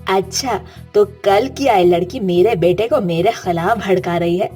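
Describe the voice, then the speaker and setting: A woman's voice: medium pitch, measured pace, dark tone, faint music behind, close to an everyday voice. A woman voicing a domineering older mother-in-law in a cartoon story, who talks in a harsh, scolding way. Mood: scheming.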